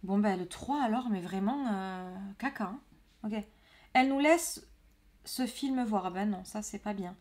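A woman from France chatting excitedly as she works through a test, exclaiming and switching between French and English. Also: mid-range voice, unhurried. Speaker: test taker. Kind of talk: casual reactive chat.

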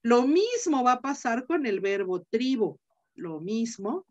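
Woman teacher explaining slowly, muffled audio. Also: on the high side, very animated. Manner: explains step by step, repeats key points, checks in with students. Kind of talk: online class lecture.

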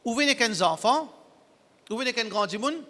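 High, bright-voiced male preacher. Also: animated, moderate pace, long reverb tail. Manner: emphatic and repetitive, with broken phrasing. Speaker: Islamic preacher. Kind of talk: sermon to a congregation.

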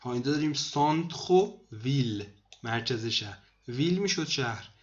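A man teaching vocabulary to students in a screen lesson, repeating each word slowly and explaining it. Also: mid-range voice, animated, lo-fi sound. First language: Persian. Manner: repeats words slowly, addresses students as kids. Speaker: language teacher.

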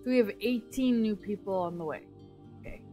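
A woman's voice: mid-range voice, fairly quick, warm tone, soft background music, poor audio. A woman commentating casually on her own gameplay, thinking aloud, while losing her voice. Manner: thinks aloud, self-talk with frequent restarts. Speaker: gameplay streamer.

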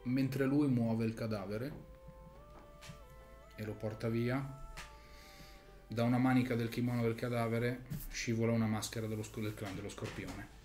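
A man playing at a tabletop role-playing game, stating his character's actions calmly with short replies. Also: medium pitch, normal speed, pauses often, soft background music. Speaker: player. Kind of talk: casual tabletop play.

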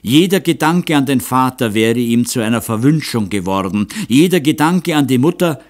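A man reading an audiobook voices a reserved middle-aged male artist who speaks hard and measured. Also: mid-range voice, close to an everyday voice. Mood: bitter.

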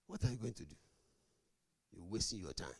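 A man's voice: lowish voice, a little fast, creaky, breathy edge, no echo, studio quality. A middle-aged man, a pastor preaching a marriage sermon who tells stories and acts out both sides of conversations. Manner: animated storytelling, acts out both sides of dialogues.

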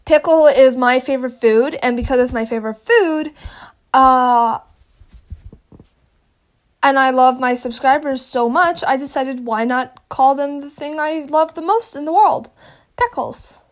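A young woman with a high voice hosts a casual question-and-answer video. She jokes, swears and bursts into dramatic outbursts as she goes. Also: unhurried. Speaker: channel host. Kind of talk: casual Q&A chat. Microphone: home microphone.

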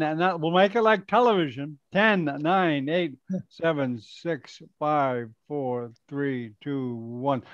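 An older man hosts a live webcast, introducing his guest in a loose, chatty way full of fillers and restarts. His voice sits a little high. The headset sound is bone-dry and muffled, like typical video-call audio. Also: no echo. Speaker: host.

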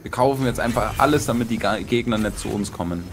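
A man from Bavaria guiding his teammates through a game in casual chat, explaining the mechanics patiently and calling out danger quickly. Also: on the low side, slight background noise. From Bavaria, Germany. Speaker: experienced player guiding others. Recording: game music underneath. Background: game music.

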